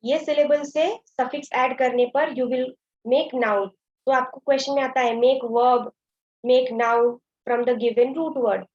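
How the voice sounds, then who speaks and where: Woman, grammar teacher, high voice, code-switches to Hindi, dull lo-fi recording. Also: steady tone, slow pace, a little mellow. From India. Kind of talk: classroom lesson explaining grammar.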